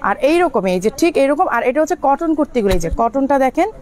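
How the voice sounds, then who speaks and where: A woman's voice: high voice, animated, fast, a little mellow. A woman hosting a live clothing sale from inside a shop. She talks in a chatty, repetitive way and stops now and then to direct staff. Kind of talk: live product showcase. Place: indoors in a clothing shop outlet.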